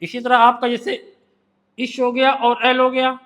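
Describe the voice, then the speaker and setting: Man, shorthand teacher, bright piercing tone, long hall reverb, patient repetition. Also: very high-pitched, monotone. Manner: slow, patient drilling with repeated stroke names. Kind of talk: step-by-step shorthand lesson.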